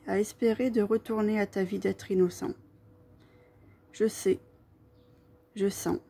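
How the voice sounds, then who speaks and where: A woman reads a poetic tale addressed to the listener. Her voice is soft and dark-toned, with a husky, breathy edge. She phrases gently and lyrically, like intimate storytelling. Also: medium pitch.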